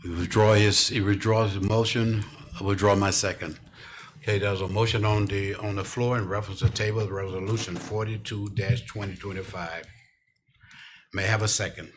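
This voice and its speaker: A man's voice: on the low side, fairly even intonation, normal speed, background noise. A man chairing a city commission meeting as mayor, emotional and tearful, often repeating his words. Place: council chamber.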